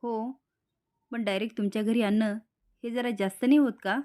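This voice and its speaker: A woman's voice: a little high, steady tone, moderate pace, a little mellow, close to an everyday voice. Polite loyal assistant, asks questions, read by a woman. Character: loyal male assistant, respectful.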